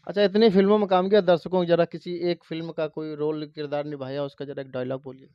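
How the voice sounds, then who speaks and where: A man's voice: a little high, flat delivery, fast, clear, resonant tone, dry recording. A man working as a news reporter, formally introducing a guest and asking questions. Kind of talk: news interview. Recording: slightly muffled, dry recording.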